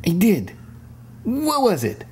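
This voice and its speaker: A woman's voice: mid-range voice, wildly swooping pitch, slow pace, mellow, slight background noise. A woman voicing a meek, skeptical sock puppet creature in a comic puppet show, speaking in a hesitant, prim, questioning way. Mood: nervous.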